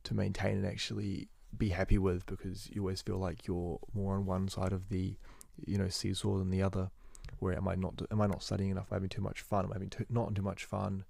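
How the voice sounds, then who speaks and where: Young male student, deep monotone with gravel, quick rambling self-corrections, dry close phone recording. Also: dry recording. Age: young adult. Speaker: university student vlogger. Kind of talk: casual spoken journal. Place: indoors at home.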